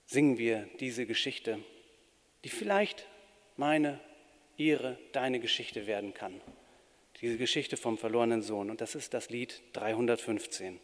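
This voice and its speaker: A pastor giving a sermon in an earnest, plain-spoken way with shifting emphasis. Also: male voice, medium pitch, steady tone, a little slow. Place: church. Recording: reverberant church hall.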